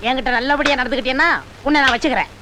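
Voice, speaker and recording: A man's voice: very high voice, fairly even intonation, racing, heavy background noise. A man in a film comedy scene, boastful and scheming.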